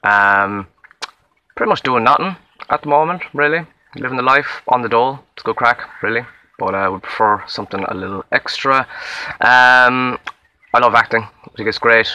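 A young man from Limerick, Ireland, with the local accent, records a casual self-introduction for an acting audition outdoors in a wood. His mid-range voice is bright and forceful at a moderate pace, and he rambles self-deprecatingly with many fillers and restarts.

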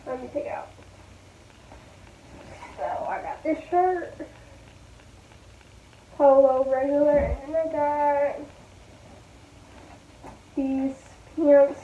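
Packing clothes in a small bedroom, a young woman in her twenties vlogs chattily, thinking aloud to her viewers in a steady tone, taking it slowly and pausing often. Her phone camera sits low on the floor, giving an echoey, tinny sound.

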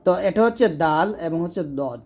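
Patient man teaching letter sounds slowly. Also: fairly high pitch, expressive, darkish tone. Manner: slow, repeats each sound for the listener to copy. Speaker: Quran recitation teacher. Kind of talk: step-by-step pronunciation lesson.

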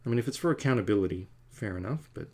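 Sitting at the drawing desk in his home studio, this man in his forties, a comic artist, rambles self-deprecatingly to his stream audience as he works. His voice is lowish and dark in tone, and he speaks animatedly in rapid-fire bursts.

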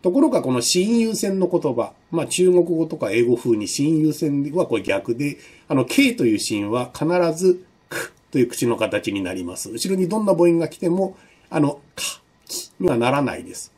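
A male lecturer with a somewhat high, slightly husky voice, delivering a recorded online class. His tone is mellow and soft-edged. He explains patiently, leaning on small fillers, and he slows down to model individual sounds. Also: sing-song. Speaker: university lecturer.

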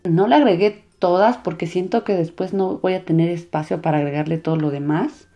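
A woman casually narrating a hands-on craft demonstration for a children's channel in a relaxed, soft-spoken way. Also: lowish voice, brisk, dull audio, faint music behind. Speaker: host of a children's slime and makeup channel.

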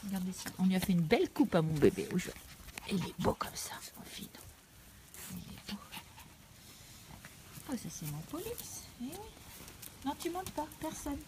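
A woman talking casually on a live home video, coaxing and scolding her dogs in an animated way. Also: lowish voice, moderate pace, pauses often, noisy background. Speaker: dog owner streaming live. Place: at home, indoors.

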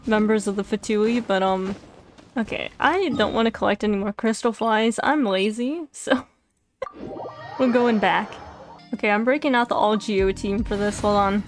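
This is casual gameplay chatter from a young female VTuber with a light Texan accent and a mid-range voice. She's chatty and laughs a lot, while lofi music and the game's soundtrack play in the background.

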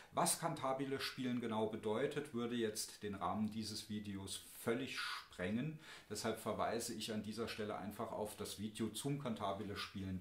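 A man teaching a piano lesson, calm and deliberate, speaking straight to the viewer as he explains. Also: lowish voice. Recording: roomy sound with piano.

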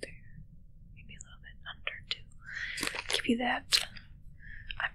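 A woman with a pushed, bright voice voices a fussy, haughty witch looking after her undead familiar in a whispered ASMR roleplay. Close to the ASMR mic, she speaks in a slow, breathy, condescending murmur, set in a small, dark indoor room hung with curtains.

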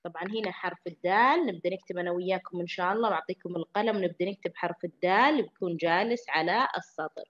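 A woman's voice: lowish voice, a bit bright, highs cut off. A woman teaching young children in a recorded lesson. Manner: sing-song, drawn-out teaching chants. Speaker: kindergarten teacher.

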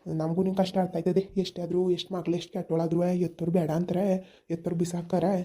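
In cartoon voice acting, a woman plays a kind young village man, sounding insistent and reassuring as she talks over someone's worries. Her voice is low, dark, and slightly rough, delivered flatly at a racing pace.

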